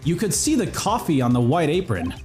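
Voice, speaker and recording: Animated man reading game dialogue. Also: a little high, a little fast, faint music behind. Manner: animated, joking, reads dialogue aloud. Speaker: let's-play host. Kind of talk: playful game commentary and voicing.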